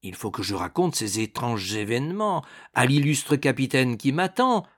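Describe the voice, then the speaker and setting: A man's voice: medium pitch, expressive, normal speed, close to an everyday voice. A man reading an audiobook, voicing a brave, brash young knight with a bold, defiant manner. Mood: anxious. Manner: anxious, then brashly defiant.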